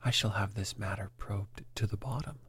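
A man voicing an older gentleman father in a fury, accusing his son, in a breathy whisper as whispered role-play. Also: lowish voice, moderate pace. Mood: furious. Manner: furious, accusing.

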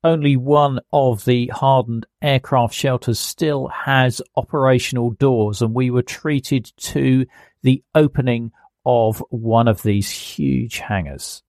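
A man's voice: medium pitch, steady tone, slow pace, darkish tone, no room sound. Dry, close-recorded male narrator. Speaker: host and narrator. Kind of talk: scripted documentary narration.

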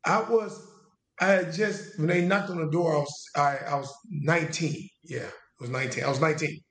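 A veteran in his forties, appearing as an interview guest, tells his story in casual Southern US speech, drawn-out and halting, circling back with restarts. His voice sits a little high for a man, with a steady, slightly bright tone, and the room has a roomy echo.

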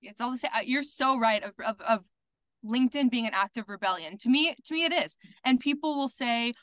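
A woman's voice sits on the high side, with lively intonation, a fairly quick pace, and a slightly bright tone in a dry recording. Guesting on a podcast as a content creator, she chats casually and candidly, outspoken, with many "like"s and an occasional swear.

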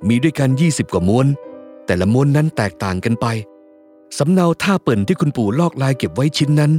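Brief: male first-person audiobook narrator, animated and expressive, pitch rising and falling, soft music underneath. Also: fast. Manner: lively, expressive storytelling.

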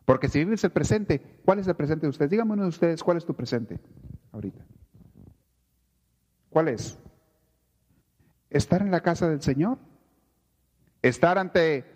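A man preaching a sermon in a church, animated and often acting out people's complaints. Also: a little high. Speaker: priest. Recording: reverberant lo-fi church recording.

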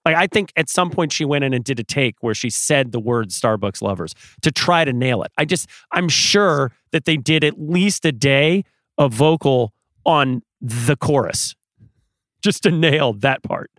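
A man co-hosting a podcast, chatting about music in a relaxed, conversational way with quick asides. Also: medium pitch, dry recording, clean studio sound. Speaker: podcast co-host. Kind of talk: casual music discussion.

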